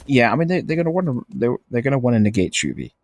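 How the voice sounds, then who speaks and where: A man giving relaxed, rambling live commentary on a competitive game as a caster, laughing often. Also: medium pitch, quick pace, dry recording. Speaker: esports caster.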